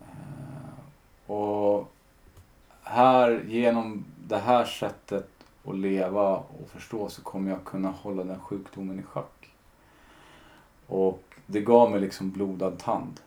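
A man's voice: lowish voice, creaky, darkish tone. A man, a podcast guest, telling his own story in a candid, reflective way, often retelling conversations with lots of fillers.

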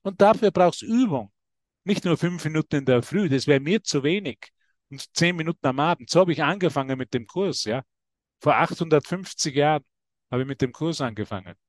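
A man giving a lively spiritual talk to a group, preaching and calling listeners by name. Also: a little high, fairly quick, dry recording, clean studio sound. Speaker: spiritual teacher.

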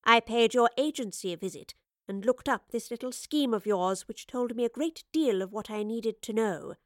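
A woman voicing a composed woman professor who speaks in a cool, clipped, measured way. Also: a little high, dry recording, studio quality, lightly acted. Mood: cheery. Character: composed, stern woman professor, dry and unflinching.

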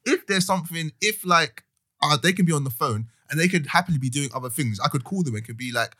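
Male podcast host, London roadman accent, slightly high voice, rapid, repeats himself to press his point in casual debate. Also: expressive, pushed and bright, dry recording, studio quality. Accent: London, urban roadman slang.

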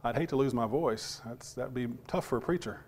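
A man preaches a sermon to his congregation while his voice, partly lost, is still recovering. He speaks haltingly, repeating words and putting questions to the listeners, in a mid-range voice that is husky and a little mellow.

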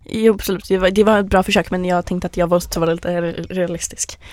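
Young woman, lively storyteller. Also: lowish voice, dry recording. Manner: lively storyteller, acts out dialogue. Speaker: podcast co-host. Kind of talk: casual chat.

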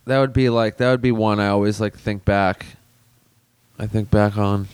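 This man talks in a loose, rambling way, full of "like" and restarts as he recalls things. His voice is smooth and resonant, and the recording is close and dry with no room sound. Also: lowish voice, steady tone, normal speed, no room sound. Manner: rambling, filler-heavy storytelling. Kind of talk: casual chat.

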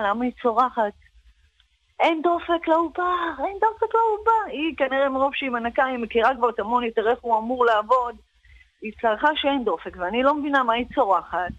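A woman's voice: medium pitch, dry recording. Woman telling an emotional personal story. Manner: animated, repeats words for emphasis. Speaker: guest. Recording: dull dry radio recording.

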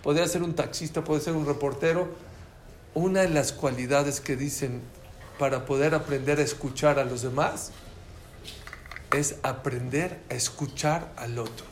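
Mexican guy giving a talk, kinda high voice, echoey room w some noise behind. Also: moderate pace. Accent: Mexican Spanish. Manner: animated, asks the audience questions. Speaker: lecturer giving a talk on listening. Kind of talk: lively classroom talk. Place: room with a live audience.

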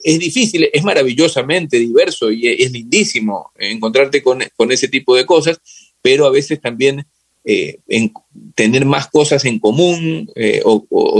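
A man with an Ecuadorian accent, appearing as an interview guest, talks about football in a casual, reflective way. His medium-pitched voice has vocal fry, and he often searches for words and repeats phrases. There is no room sound on the recording.

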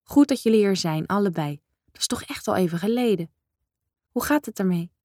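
A woman voicing a chatty middle-aged mother in an audiobook, talking briskly and sociably at the dinner table. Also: mid-range voice, expressive, darkish tone, no echo, clean studio sound, natural voice. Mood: sociable.

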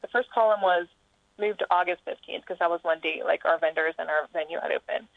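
Gravelly woman on a tinny phone line. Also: fairly low pitch, a little fast, no echo. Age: 30s. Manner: chatty, filler-heavy, rambling. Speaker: guest. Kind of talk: casual chat over a phone line.

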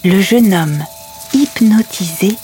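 A woman's voice: mid-range voice, expressive, slow pace, warm tone, faint music behind. A woman playing a patient, tender mother who tells her children a fairy tale at bedtime. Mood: hushed wonder. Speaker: storyteller. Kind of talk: audio story, bedtime storytelling.

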